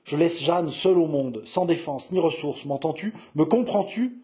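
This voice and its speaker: Male reader voicing a feverish young noble, urgent, pleading, slightly raised pitch. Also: expressive, normal speed, mellow, lightly acted. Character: young nobleman, eldest son, feverish and passionate. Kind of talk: audiobook reading.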